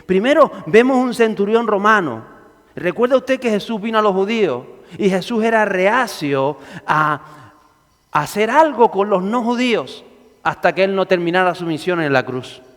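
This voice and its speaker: A man preaching from the pulpit in a high-pitched voice. He calls on the congregation to repeat phrases after him. The sound carries the long reverb of a church hall. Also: lively intonation, normal speed, fairly bright tone. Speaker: pastor. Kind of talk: sermon.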